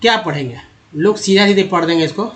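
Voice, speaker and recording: Male teacher, slightly high voice, patient step-by-step pronunciation drills. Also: fairly quick, a bit bright. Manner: repetitive, explains step by step, addresses viewers as friends. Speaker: English teacher. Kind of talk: spoken pronunciation lesson.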